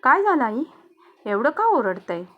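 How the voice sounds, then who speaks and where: A woman's voice: sits high, very animated, measured pace, phone-quality sound, voice pushed up, exaggerated voice. A woman storyteller voicing a young daughter-in-law who answers respectfully but stands up for herself. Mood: hurt. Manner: pleading, then indignant.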